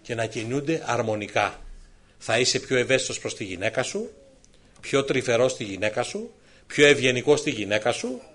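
A middle-aged man preaching his personal testimony, moving from soft asides to loud, excited exclamations. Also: medium pitch. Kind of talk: sermon testimony storytelling.

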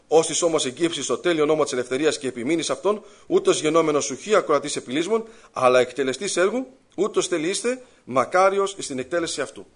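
A man's voice: on the high side, breathy edge. A man preaching a sermon, telling his own story and voicing his thoughts and prayers. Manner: rising fervent pleading in prayer.

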